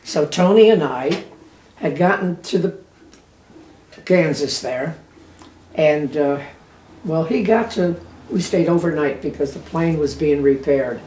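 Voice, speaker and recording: An elderly American woman war veteran, in her 80s or older, reminisces unscripted during an interview, recalling memories in short, halting phrases. Her low voice is animated and dark in tone. The recording is roomy, with a distant mic and faint noise.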